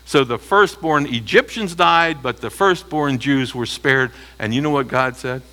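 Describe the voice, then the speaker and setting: A man preaching a sermon, asking the congregation rhetorical questions and rising toward shouts at emphatic points. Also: medium pitch, a little slow.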